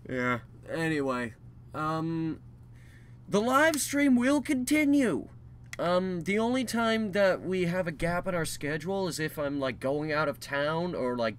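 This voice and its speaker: A man's voice: a little high, moderate pace, a bit bright, slight background noise. Rambling young man giving a channel update. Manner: rambling, with frequent ums and restarts; candid and self-deprecating. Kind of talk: casual vlog update.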